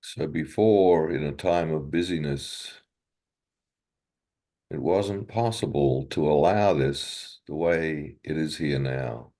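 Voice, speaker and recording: Gentle and unrushed, a man leads a guided meditation in short phrases separated by long pauses. His voice has a low rumble.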